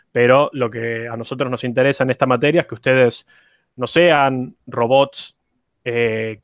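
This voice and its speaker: A man's voice: mid-range voice, fairly bright tone, dry recording. A man teaching an online university class, explaining step by step and putting questions to his students. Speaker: university lecturer.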